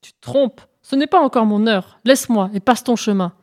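A woman's voice: on the high side, normal speed, natural voice. A woman voicing a greedy, scheming female hyena who speaks in a false, bossy way in a storybook tale. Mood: defiant. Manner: falsely friendly, then commanding.

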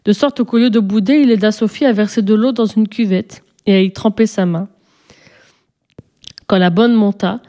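A woman narrating a children's storybook in a calm, even storytelling manner. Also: medium pitch.

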